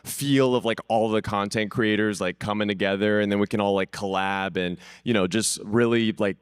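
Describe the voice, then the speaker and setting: Smooth low-voiced podcast host. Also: male voice, fairly even intonation, moderate pace, no echo, studio quality. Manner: easygoing, loose rambling questions. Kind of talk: casual chat.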